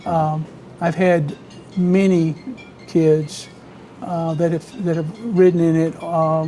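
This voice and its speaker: Mellow-voiced man with a Southern Alabama accent. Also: fairly high pitch, little pitch movement, slow pace, slight background noise, rough recording. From Alabama, United States. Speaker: interview guest, vintage biplane owner and pilot. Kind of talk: conversational storytelling in an interview.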